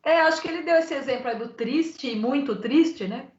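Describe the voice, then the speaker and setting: A woman's voice: high-pitched, normal speed. A woman teacher moderating a live panel, asking long winding questions. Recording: echoey lo-fi room audio.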